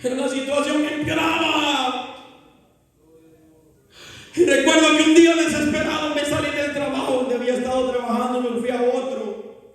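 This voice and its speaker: A man from Guatemala preaching a fervent testimony sermon that rises to shouts, in a church hall. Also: very high voice, level tone, moderate pace, pauses often. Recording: echoey hall reverb.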